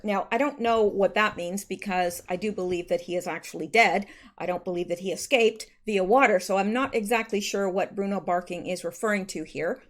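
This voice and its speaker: A woman hosting her own channel, casually reading out posts and commenting on them in a loose, conversational way with frequent ums and self-corrections. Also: mid-range voice. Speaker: channel host.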